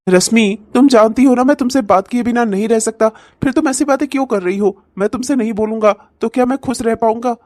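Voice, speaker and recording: A woman gives voice to a torn young husband in a cartoon comedy, pleading gently. The voice is high and sounds dry and close. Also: a little fast, few pauses, no echo, close to an everyday voice.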